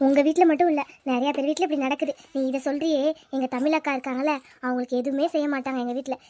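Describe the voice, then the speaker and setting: A woman's voice: high-pitched, fairly even intonation, fast, mellow, dry recording, natural voice. A woman voicing a caring, talkative village schoolgirl, coaxing and reassuring her friend. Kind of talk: cartoon voice acting.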